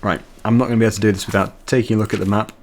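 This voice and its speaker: A man's voice: fairly low pitch, steady tone, rapid-fire, vocal fry. A man giving chatty, rambling commentary while playing a video game. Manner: chatty, rambling, laughs easily. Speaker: let's play gamer. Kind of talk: casual gameplay commentary.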